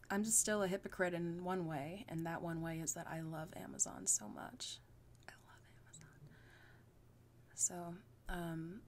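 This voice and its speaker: A young woman talking to her channel in an unscripted vlog, rambling and halting with fillers, often laughing at her own words. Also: on the low side, a little hiss or hum. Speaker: YouTuber.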